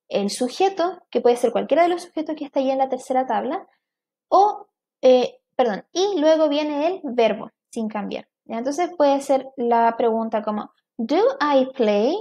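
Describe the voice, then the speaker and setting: High-voiced woman teaching English grammar. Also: warm tone. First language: Spanish. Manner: mixes Spanish explanation with English examples, checks in with "¿ya?"; slow, careful reading of example sentences. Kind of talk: online grammar lesson.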